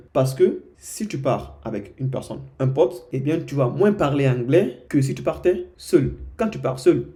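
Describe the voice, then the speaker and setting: A man's voice: mid-range voice, warm tone. A young man from Guinea giving casual, informal advice to his viewers, often repeating himself and checking in with "ok?". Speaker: vlogger giving language tips. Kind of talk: casual direct-to-camera advice.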